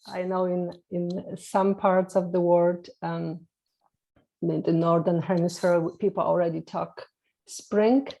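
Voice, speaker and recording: Slow, gravelly-voiced woman. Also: fairly low pitch, level tone, warm tone, poor audio. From Poland. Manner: slow, hesitant, many pauses. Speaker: guest coach. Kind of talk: casual interview chat.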